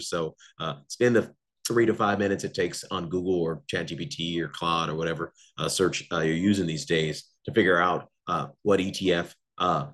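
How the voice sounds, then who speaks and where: Male host, low register, confident and analytical, delivering market commentary and listener Q&A. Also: a bit bright. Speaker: host of a macro investing research show.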